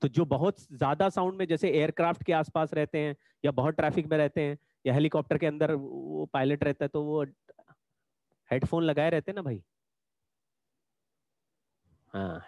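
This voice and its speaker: A man leads an online physics class in a high-pitched voice, taking his time and going back over each key point. The recording is close and dry, with no room sound around him. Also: a little fast, a little mellow, dry recording. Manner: explains patiently, repeats key points. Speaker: physics teacher.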